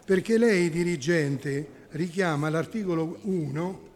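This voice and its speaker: A man's voice: on the high side, slow, darkish tone. A man speaking as a town councillor in a formal council debate, arguing and often correcting himself. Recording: echoey council chamber.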